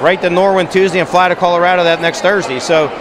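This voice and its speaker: A middle-aged man, a wrestling coach, giving an animated postgame interview into a handheld mic in a high school gym. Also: quick pace. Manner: animated, gesturing while standing. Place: high school gym, large indoor space. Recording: noisy gym background.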